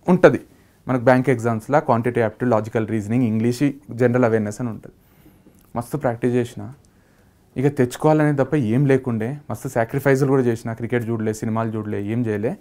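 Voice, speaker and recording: A man with a Telangana Telugu accent, a startup founder telling a personal story in a lively way and acting out what his family said. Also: on the high side. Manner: lively, acts out family members' quoted lines.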